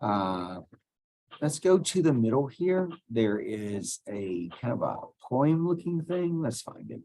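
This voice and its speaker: A man's voice: medium pitch, sing-song, slow pace, warm tone. A male teacher talking students through a computer task step by step, casual and thinking aloud as he clicks. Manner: step-by-step, talks while clicking. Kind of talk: screen-recorded software tutorial.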